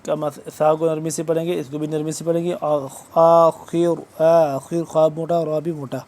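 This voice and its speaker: A man teaching Quranic recitation word by word. He draws out each recited word slowly, then explains the rules in quick speech. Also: fairly high pitch, level tone, darkish tone. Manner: alternates slow drawn-out recitation with quick spoken explanations.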